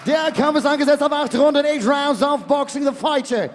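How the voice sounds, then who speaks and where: A man with a very high voice announces a boxing match through the arena speakers, stretching his words into booming calls. Long reverb hangs around every phrase, the sound of a big indoor hall. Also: normal speed, some chatter behind, a little hiss or hum. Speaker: ring announcer. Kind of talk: bilingual boxing ring announcement.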